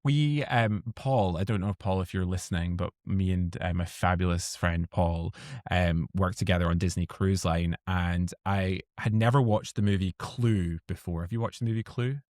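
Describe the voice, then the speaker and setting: A man's voice: deep voice, moderate pace, a little mellow, no echo, clean studio sound. A man co-hosting a podcast, chatting in a playful, self-deprecating way. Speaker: podcast co-host. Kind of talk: casual podcast chat.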